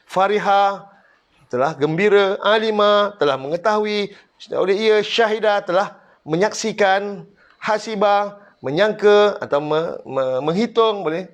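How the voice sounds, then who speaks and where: A man with a Malaysian Malay accent teaching Quranic Arabic grammar online, drilling words one by one and correcting mistakes. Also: high-pitched.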